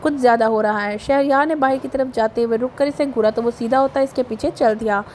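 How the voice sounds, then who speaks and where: A woman with a Pakistani Urdu accent reading a romance novel aloud, voicing every character in a lively way. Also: a little high, fairly quick, slight background noise. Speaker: audio novel narrator.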